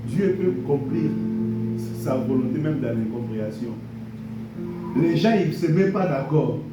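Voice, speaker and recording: Loud music plays behind a pastor whose rather high, expressive voice moves at normal speed as he preaches in a church hall. He keeps repeating key phrases and blessings, prompting amens from the congregation, all captured from far off in an echoey space.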